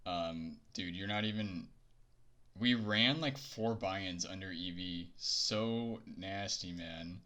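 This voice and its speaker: A man's voice: low voice, slow pace, pushed and bright. A young man vlogging casually about his poker bankroll, rambling with many fillers and a little out of breath after a workout. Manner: rambling, filler-heavy, laid-back. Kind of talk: casual chat to camera.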